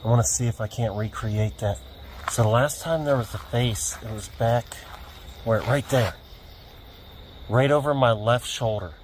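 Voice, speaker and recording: A man's voice: medium pitch, unhurried, a little hiss or hum. A man filming a ghost hunt outdoors at night by crypts, shaken and exclaiming as he talks to viewers. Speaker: paranormal investigator. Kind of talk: handheld ghost-hunting vlog.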